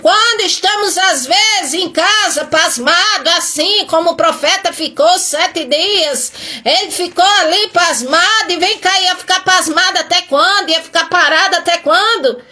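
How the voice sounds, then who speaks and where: A woman's voice: very high-pitched, unhurried, sharp tone. A woman pastor preaching a sermon, emphatic and full of rhetorical questions.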